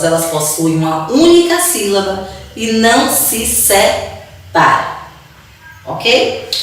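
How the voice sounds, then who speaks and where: A woman with a Brazilian Portuguese accent explains things slowly and deliberately in a classroom, patiently repeating words and drawing out syllables. Her voice is mid-range and fairly bright, with a little hiss or hum, and the mic sits far off in an echoey room.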